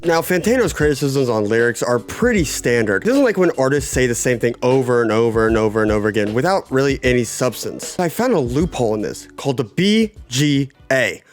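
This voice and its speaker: A man's voice: medium pitch, animated, a little fast, few pauses. A young man talks through his comedy vlog in a mid-range voice, cracking profane jokes and mocking himself as he goes. Light music sits faintly underneath. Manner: jokey, profane, self-mocking. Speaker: YouTube music creator.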